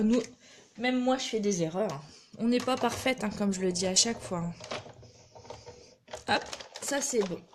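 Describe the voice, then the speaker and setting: A woman's voice: mid-range voice, a little hiss or hum. A woman giving a live craft tutorial, chatting directly to her viewers and often apologizing for small slips. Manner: self-deprecating, apologizes often. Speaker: craft demonstrator.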